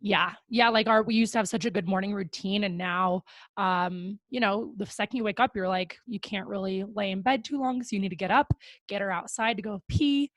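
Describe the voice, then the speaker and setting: A young woman podcast host talks a little fast in a medium-pitched voice, keeping the casual chat upbeat and peppered with fillers. She's recorded on a close podcast mic with no echo.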